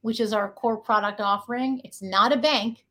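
A woman's voice: on the high side, fairly even intonation, normal speed, bright, forceful tone. A woman guest talking casually in an interview, chatty and playful. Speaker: guest, talent acquisition executive.

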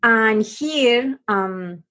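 A middle-aged Colombian woman tells her life story as a podcast guest, speaking earnestly but haltingly and restarting often. Her voice is a little high, expressive and somewhat bright.

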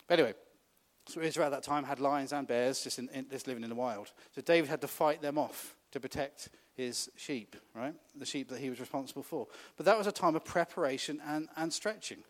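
A man's voice: mid-range voice, fairly quick. A man preaching a conversational sermon, often laughing and asking the congregation questions.

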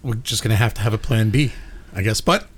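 A man's voice: fairly low pitch, quick pace, slightly rough. A man from Brooklyn co-hosting a music podcast in casual chat, joking and laughing as he talks. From Brooklyn, New York. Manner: jokey, laughs while talking. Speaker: podcast co-host.

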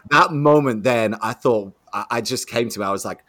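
A man's voice: mid-range voice, a little fast, no room sound, clean studio sound. A young man telling a story in conversation, acting out the other voices in it. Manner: animated storyteller, acts out quoted voices.

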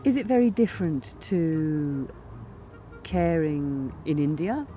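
A woman interviewer asking questions in a brisk, conversational way. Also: deep voice, expressive, warm tone, a little hiss or hum.

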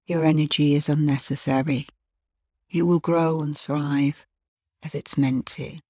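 A woman leading a guided meditation with calm, gentle instructions, her soft voice often drifting into a whisper. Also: deep voice, measured pace.

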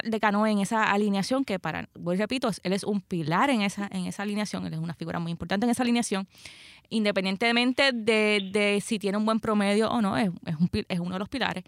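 A woman's voice: mid-range voice, fairly bright tone, no room sound, clean studio sound. A Puerto Rican woman hosting a casual sports chat, emphatic and often repeating her phrases for weight. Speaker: sports podcast host.

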